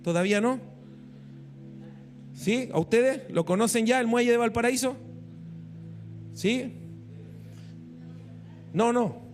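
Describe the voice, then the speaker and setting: High-voiced pastor preaching. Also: male voice, takes it slowly, long pauses, soft background music. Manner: rhetorical questions to the congregation, storytelling. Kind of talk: sermon.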